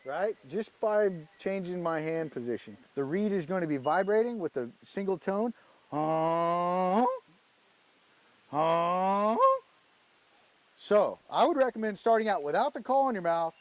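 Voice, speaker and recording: A man's voice: high voice, lively intonation, brisk, few pauses, a little mellow, no room sound. A man giving a casual, folksy hands-on lesson as a goose calling instructor.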